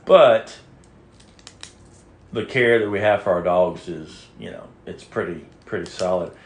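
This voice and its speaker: Podcast host, lowish male voice, rambling and crude, roomy echo. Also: measured pace. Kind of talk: casual chat.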